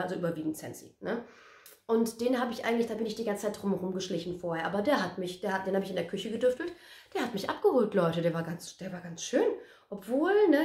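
A woman's voice: a little high, a little mellow. Woman rambling casually in a vlog, lots of "ne?", echoey room. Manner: chatty, many fillers and tag questions. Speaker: scent vlogger. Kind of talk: casual review chat.

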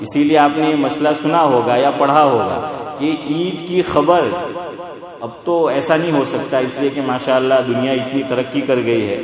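A man's voice: mid-range voice, moderate pace. Male scholar, conversational lecturing style, reverberant hall with audible crowd. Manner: conversational, asks listeners rhetorical questions. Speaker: Islamic scholar. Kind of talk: religious lecture.

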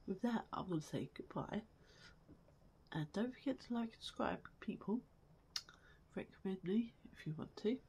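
A woman's voice: medium pitch, animated, normal speed, long pauses, darkish tone, slight background noise. A woman giving casual gameplay commentary, squealing with delight at cute things and muttering asides under her breath. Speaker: gaming video creator.

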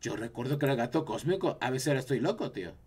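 A man's voice: medium pitch, animated, rapid-fire, darkish tone, breathy edge. A man from Spain with a Spanish accent, chatting casually on a live stream and reacting to his chat.

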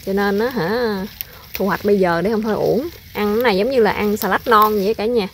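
A mid-range female voice, slightly fast, is heard over a bit of background noise. The vlogger, a mother, picks things in her outdoor garden while chatting casually and often speaking directly to her viewers.

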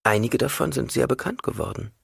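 Brief: male reader playing a respectful young woman envoy, raised pitch, a little breathy, dry close sound. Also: a little fast, a bit bright, no room sound, exaggerated voice. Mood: deferential. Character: young female envoy, polite and deferential.

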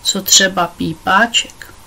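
A woman reading aloud plays a lively, adventurous young girl from a children's storybook. She talks eagerly and calls out with excitement. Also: medium pitch, gravelly, low-quality recording. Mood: chatty.

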